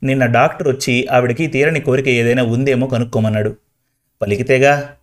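A man's voice: mid-range voice, steady tone, a little fast, close to an everyday voice. A man voicing a grieving middle-aged son in a spoken story, weary and pleading.

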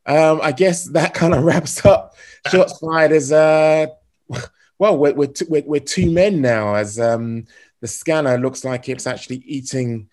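A man hosting a casual podcast, asking questions in a relaxed way with frequent pauses. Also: fairly high pitch. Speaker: podcast host.

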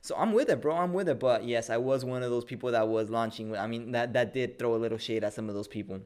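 A man's voice: medium pitch, fast, a little mellow, smooth. A man co-hosting a podcast in laid-back casual chat, often saying "bro". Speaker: podcast co-host.

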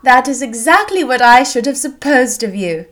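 Lady doing clever young woman from a classic novel, playful, highish voice, very expressive. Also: moderate pace. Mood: teasing. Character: witty, self-assured young woman, quick and teasing.

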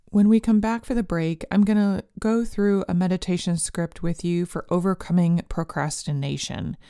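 Creaky, low-voiced woman hosting a podcast. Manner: calm, measured, instructional. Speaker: podcast host. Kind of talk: podcast talk and guided meditation script.

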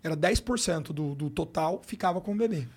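On a podcast, a sports coach tells a personal story in an expressive, fairly high voice with a darkish tone and a breathy edge. He speaks fairly quickly with a Brazilian Portuguese accent, and his emotional, slang-filled talk often falls back on "cara" and "brother."

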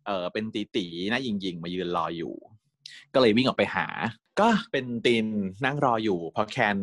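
A man's voice: fairly low pitch, expressive, moderate pace, fairly bright tone, no room sound, studio quality. A man retelling a series in casual, chatty talk, laughing and acting out scenes. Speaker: series recap host.

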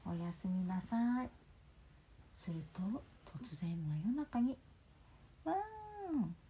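A woman reading a picture book aloud to her child at home, animated and stopping to talk with the child. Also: lowish voice, slow. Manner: animated, talks with the child between pages. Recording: muffled lo-fi with faint hiss.

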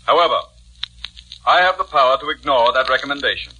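An actor playing a stern, pompous judge who also narrates, in 1940s radio acting. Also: male voice, mid-range voice, brisk, sharp tone, lo-fi sound, a little hiss or hum. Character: stern, pompous middle-aged male judge.

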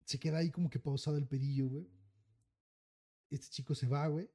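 A man's voice: on the high side, brisk. A man with a Mexican accent telling a story in casual podcast chat, swearing freely and tacking "güey" onto nearly every phrase. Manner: animated, acts out the people in his story. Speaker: podcast co-host.

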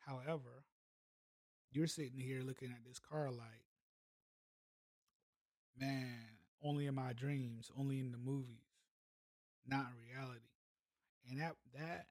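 A man's voice: mid-range voice, a little mellow, no room sound. A man, telling a motivational story in a casual, slangy way as a podcast host. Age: 30s. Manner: laid-back, conversational, slangy.

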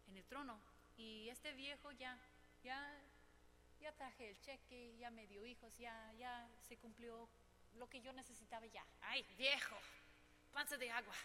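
A woman's voice: a little high, fairly bright tone, big-room sound, slight background noise. A woman preaching to women, telling personal stories with humor and acting out what people said. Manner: personal, humorous storytelling with quoted voices. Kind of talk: sermon.

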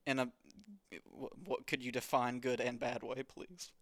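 A man's voice: mid-range voice, steady tone, measured pace, a bit bright, no room sound, studio quality. A man hosting a podcast, casually recapping a comic in a wry, dismissive way. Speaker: podcast host.

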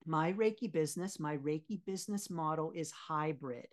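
Low-voiced woman coaching a workshop. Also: normal speed. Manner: encouraging, asks the audience to drop answers in the chat; repeats key phrases, affirming "yes" often. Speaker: Reiki business coach. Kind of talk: live workshop teaching.

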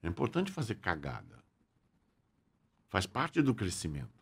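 A man's voice: low voice, wildly swooping pitch, unhurried, gravelly, very noisy. An older man, an actor, chatting as a podcast guest in a frank, bawdy way. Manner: frank and bawdy, says "bicho" a lot. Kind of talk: candid podcast chat.

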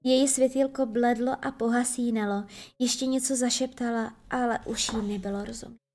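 High-voiced woman narrating a fairy tale. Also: fairly even intonation, a little mellow. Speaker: storyteller. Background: faint background music.

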